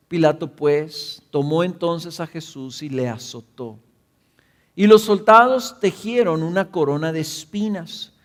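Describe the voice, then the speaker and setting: A man, a pastor, reading scripture aloud in an earnest, emphatic way. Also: a little high.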